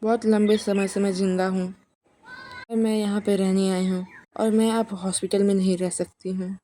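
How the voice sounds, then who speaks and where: A woman's voice: medium pitch, flat delivery, moderate pace, warm tone, close to an everyday voice. A woman reading as a pleading pampered mother. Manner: pleading, complaining.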